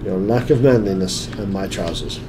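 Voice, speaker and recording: A man's voice: sits low, moderate pace. Guy gaming and joking around crudely, rambly, noisy home mic. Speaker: let's play gamer. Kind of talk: crude improvised banter over gameplay. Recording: home recording with clear background noise.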